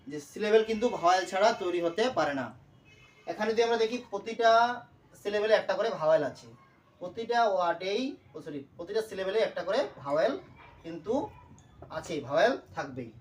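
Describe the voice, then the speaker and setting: A man teaching a pronunciation lesson, speaking slowly and repeating words as he breaks them into syllables. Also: high voice, far from the mic. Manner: slow, repetitive, breaks words into syllables aloud. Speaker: English teacher. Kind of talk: classroom lesson explaining pronunciation.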